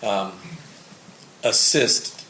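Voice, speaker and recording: A man's voice: lowish voice, very slow, sharp tone. Man, prosecutor, methodical questioning, fillers, roomy courtroom recording, audible background noise. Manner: methodical, leading questions with frequent "uh" and "um".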